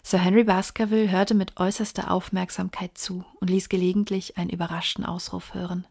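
A woman narrating a classic detective novel as an audiobook, in a calm, even way. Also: fairly low pitch, brisk, creaky, breathy edge. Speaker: audiobook reader.

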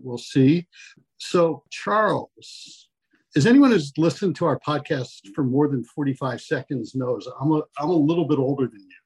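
Male podcast co-host, wry and teasing, gravelly husky voice. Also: mid-range voice, darkish tone. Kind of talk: casual podcast interview.

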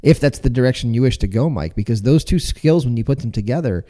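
A man's voice: medium pitch, expressive, quick pace, warm tone. A man from the United States hosting a podcast interview, asking long, rambling questions with many restarts. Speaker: podcast host.

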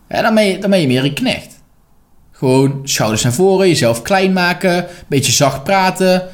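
Emphatic male life coach, lively pitch. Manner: direct and emphatic, coaching the listener, with blunt swearing. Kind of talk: motivational podcast monologue.

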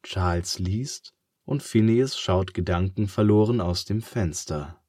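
A man reading a children's story aloud in a calm, expressive way. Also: low voice, unhurried, no room sound, studio quality. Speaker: narrator.

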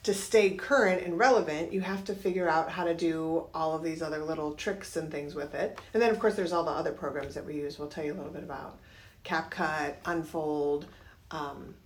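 Woman, middle-aged, nasal voice, fairly low pitch, podcast co-host, organized, affirming. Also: brisk. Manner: steers the talk, affirming, keeps things on track. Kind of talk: casual chat.

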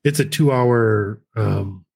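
A man talking in a casual online chat, measured and a little hesitant. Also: lowish voice, creaky, a little mellow. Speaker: podcast guest.

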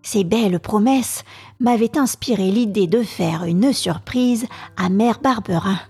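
Woman storyteller, slow deliberate narration, breathy voice, soft music underneath. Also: medium pitch. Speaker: podcast storyteller. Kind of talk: scripted narration of a novel.

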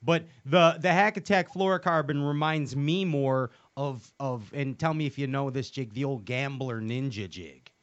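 A man's voice: medium pitch, moderate pace, hardly any pauses. A man hosting a casual fishing chat, joking and rambling with lots of fillers and restarts. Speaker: host. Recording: dull lo-fi sound.

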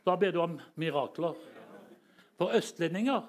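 A man preaching a charismatic sermon, telling stories and bursting into shouted hallelujahs. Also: on the high side. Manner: storytelling that swings up into shouted hallelujahs, chuckles.

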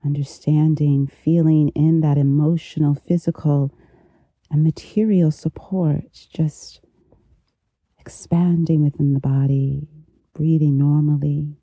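A meditation teacher guiding relaxation gently, with a soft, intimate delivery right in the listener's ear. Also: medium pitch, level tone, slightly rough, no room sound. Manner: slow, unhurried, gentle pauses. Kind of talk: guided meditation, soothing instruction.

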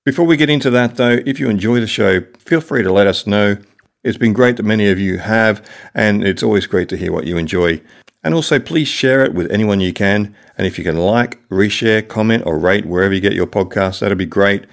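A man hosting a podcast, introducing his guest and asking friendly, halting questions. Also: on the low side, vocal fry. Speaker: podcast host. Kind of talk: podcast interview.

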